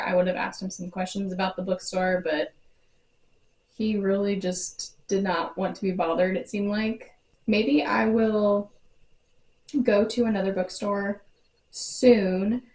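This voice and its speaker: Seorang wanita muda yang mengobrol santai dengan suara bergema seperti di ruangan. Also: female voice, medium pitch, fairly even intonation, a little slow, darkish tone. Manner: chatty, frequent "like" fillers. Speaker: book vlogger. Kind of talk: casual vlog chat. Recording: roomy echo.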